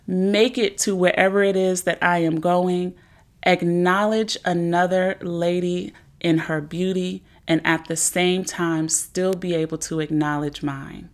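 A woman's voice: on the low side, fairly even intonation, a little slow. A young adult woman hosting a podcast, talking in a casual, earnest way about self-help and sometimes acting out her own anxious inner voice. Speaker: podcast host.

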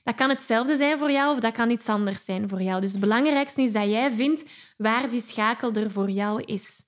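High-voiced woman teaching singing. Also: normal speed. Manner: encouraging, explains technique then sings examples. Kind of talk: vocal lesson with sung demonstrations.

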